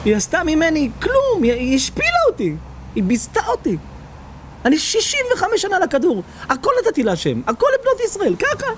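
A man voicing a deeply hurt older woman who is crying and wailing as she speaks. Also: wildly swooping pitch, slight background noise, exaggerated voice. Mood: anguished. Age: 60s. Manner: tearful high-pitched wailing.

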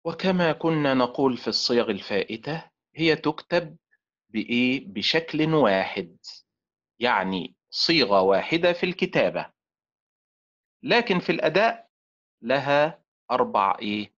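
A male lecturer teaching an online class. He speaks slowly and deliberately, sounds out syllables, and leaves questions half finished for his students to complete. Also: mid-range voice, sing-song, fairly bright tone. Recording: dull lo-fi sound.

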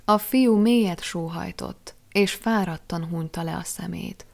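This is audiobook narration by a female reader whose tone is low and gravelly. She reads at a measured pace with plenty of expression.

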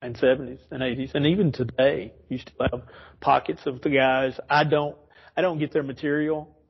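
A man's voice: medium pitch, steady tone, normal speed, gravelly, husky, muffled recording. A man teaching an informal Bible study in a church, rambling and correcting himself as he explains. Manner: rambling, self-correcting, chuckles often. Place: church classroom.

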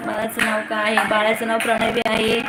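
A woman's voice: on the high side, monotone, fairly quick, loud music behind the voice. A young woman from the Konkan coast, hosting a casual phone live stream, greeting viewers by name and answering comments. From Ratnagiri, Konkan, India. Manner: chatty, greets viewers by name, calls to her children. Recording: echoey phone recording with loud background noise.

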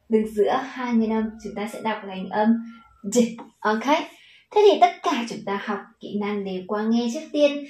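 A woman's voice: fairly high pitch, darkish tone, echoey room, rough recording. A woman with a Vietnamese accent teaching children English pronunciation, patient and encouraging, stretching out the model words.

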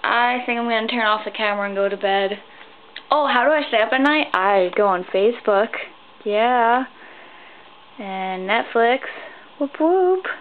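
A sixteen-year-old girl vlogging at night in her bedroom, rambling and tired, with sudden squeals of excitement. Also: on the high side, moderate pace. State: tired, sleepy. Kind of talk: rambling casual vlog. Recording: tinny phone-like sound, faint hiss.

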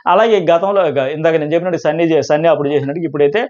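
A man's voice: a little high, very fast, a little mellow. A man giving a rambling, casual review of a reality show, with frequent restarts. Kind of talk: casual commentary to camera. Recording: dull lo-fi sound.

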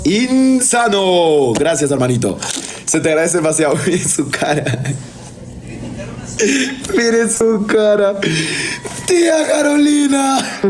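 High-voiced man hyping a live stream. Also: darkish tone. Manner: hypes viewers, thanks donors by name. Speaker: livestream host. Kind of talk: TikTok live stream chat.

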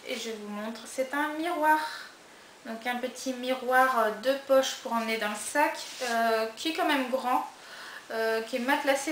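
A woman's voice: a little high, a bit bright. Chatty woman vlogger, echoey room. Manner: chatty, many hesitations. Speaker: beauty box vlogger. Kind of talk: casual unboxing vlog. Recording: echoey room with faint hiss.

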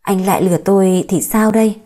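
A woman's voice: mid-range voice, fairly quick, warm tone, faint music behind, natural voice. A woman voicing a wary young wife in an audiobook story, cool and guarded.

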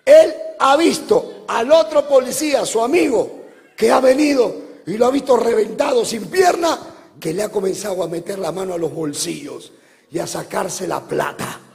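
A male preacher tells dramatic stories to his congregation and often rises into impassioned shouts. His voice sits high and carries a gravelly edge. A long church reverb trails every phrase of this live service recording. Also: lively intonation, moderate pace. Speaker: pastor. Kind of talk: sermon.

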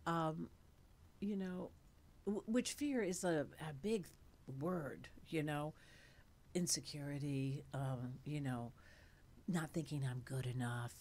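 Her voice is low and a little mellow, moving slowly with long pauses. She is a 60-something actress, in her late sixties, chatting animatedly and with plenty of fillers during a casual interview at a stand-mounted studio mic, set in a studio of dark curtains and blue lighting.

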